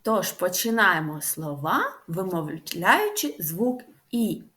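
A woman speech therapist giving a lively, sing-song lesson to young children, stretching out the vowel sounds. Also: fairly low pitch, slow.

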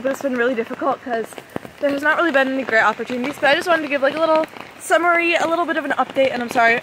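A woman's voice: high-pitched, background noise. A young woman chatting casually to a vlog, raising her voice to be heard over heavy rain drumming on her umbrella, recorded outdoors on a phone. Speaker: vlogger. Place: outdoors at a campsite under an umbrella in pouring rain. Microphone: phone at arm's length, close to face.

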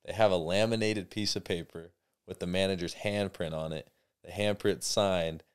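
A man's voice: deep voice, steady tone, normal speed, clear, resonant tone. A young man, a podcast guest, telling funny stories in a laid-back casual chat with frequent chuckles. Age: young adult. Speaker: podcast guest, college athlete.

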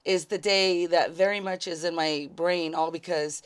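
A woman in her forties, a guest on a podcast, tells her story in a casual, lively way and does quick voices for the people in it. Her voice sits a little low for a woman. She is recorded in a small studio set. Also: smooth. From Kuwait. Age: 40s.

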